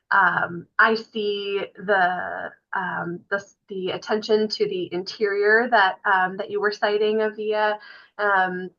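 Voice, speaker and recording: A woman's voice: medium pitch, lo-fi sound. A woman moderating a poetry panel, asking long, searching questions full of fillers. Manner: thoughtful, searching, many fillers.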